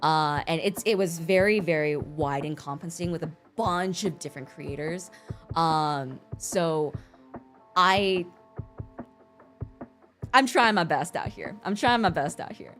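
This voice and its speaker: With soft background music playing, this young livestreamer chats casually, giggly and talkative. Her first language is Mandarin, since she was born in China, but she grew up in the US from about six and sounds American. Her voice is low and fairly bright, at a measured pace.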